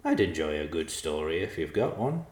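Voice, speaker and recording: A man's voice: very deep voice, sing-song, normal speed, darkish tone, roomy sound. A man voicing a sly, mocking male talking vulture in a storybook reading, teasing and boastful. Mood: smug.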